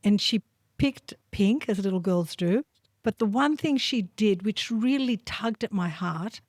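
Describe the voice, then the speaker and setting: A woman's voice: mid-range voice, expressive, unhurried, darkish tone, dry recording. Woman, podcast host, heartfelt and emotional, close dry sound. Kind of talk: casual interview chat.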